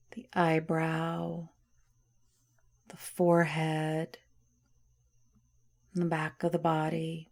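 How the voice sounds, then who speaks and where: This deep-voiced woman teaches yoga nidra, guiding listeners through relaxation gently and calmly with long silences between phrases.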